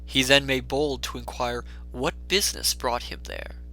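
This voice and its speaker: A man narrates a classic tale like a dramatic audiobook reader, his medium-pitched voice very bright, forceful, and sharp-edged. His tone stays steady and unhurried, though the recording is rough.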